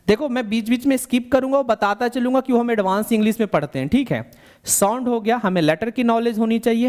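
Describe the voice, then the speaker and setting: Walking a learner through a bilingual spoken English lesson, this man speaks in a very high, slightly mellow voice. He explains each step, repeats his questions, and slows to dictate definitions.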